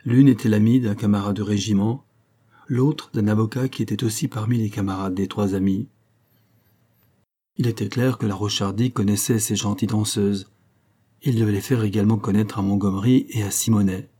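A man narrating a classic novel as an audiobook, reading in measured, phrase-by-phrase delivery. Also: fairly low pitch, steady tone, warm tone, slightly rough.

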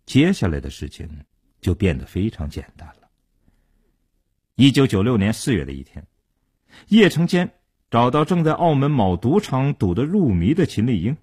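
A man's voice: mid-range voice, big pitch swings, normal speed, long pauses, a little mellow, slightly rough, no room sound, studio quality. A man narrating a story in the Chinese storytelling style, with a dramatic delivery. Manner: dramatic, widely varied delivery.

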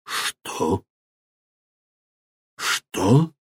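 Narrator doing a harsh older landowner, stern and threatening, storybook reading. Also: male voice, drawn-out words, no room sound, studio quality. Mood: menacing. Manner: stern, menacing. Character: domineering older male landowner, stern and quick to rage.

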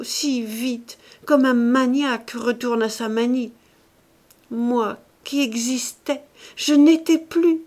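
A woman's voice: high voice, darkish tone, voice pushed up. A woman reading an audiobook voices a desperate young woman pleading with her lover, passionately, from fury to tender whispers.

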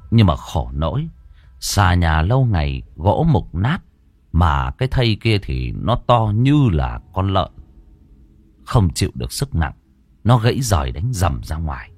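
A man's voice: low-pitched, sing-song, a little slow, a little mellow, dry recording. A man narrating a ghost story dramatically, acting out the characters' lines.

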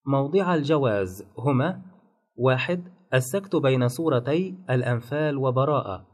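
A man calmly narrating a lesson on Quran recitation rules, listing points one by one. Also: mid-range voice. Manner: measured, enumerating rules point by point. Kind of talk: scripted instructional narration.

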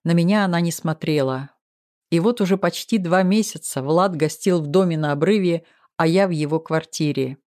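A man's voice: on the high side, normal speed, a little mellow. Man narrating an audiobook. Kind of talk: first-person audiobook narration.

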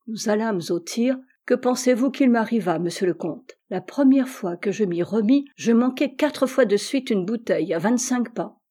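A woman narrating a classic short story as an audiobook, in a measured, clear storytelling manner. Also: fairly high pitch, warm tone. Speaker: audiobook reader.

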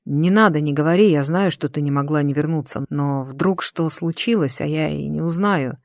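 A reader voicing a young prince who speaks quietly and apologetically, hesitant and frightened, in an audiobook. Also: medium pitch, normal speed, gravelly, no echo, clean studio sound, pitched below the performer's own voice, lightly acted. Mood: contrite.

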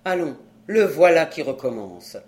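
A woman's voice: mid-range voice, normal speed, a little mellow, lightly acted. A woman reading aloud as an irritated male doctor, pressing his friend with insistent, teasing questions. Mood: exasperated.

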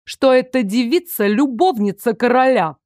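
A woman reading an audiobook voices a sharp-tongued, disapproving older female archivist who talks bluntly and scornfully. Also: mid-range voice, normal speed, no echo, studio quality, lightly acted. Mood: indignant.

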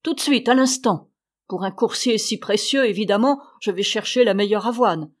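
Woman reader doing a stingy old grouch, loud and sneering, audiobook character. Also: a little high, moderate pace, close to an everyday voice. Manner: loud, scornful shouting. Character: grumpy miserly old man scolding his animals.

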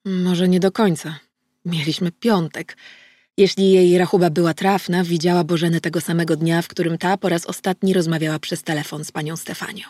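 A woman narrates a first-person novel in a steady, measured manner. Her voice sits on the low side. The recording is close and dry, with no room sound. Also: no room sound. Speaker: audiobook narrator.

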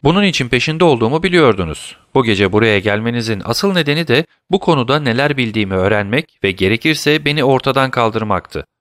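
Sherlock Holmes, alaycı ve soğukkanlı dedektif bir erkeğin sesiyle. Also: male voice, medium pitch, fast talker, few pauses, no room sound, clean studio sound, close to an everyday voice. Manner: calm, teasing, commanding. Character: cool, mocking male detective, middle-aged. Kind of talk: audiobook character voice.

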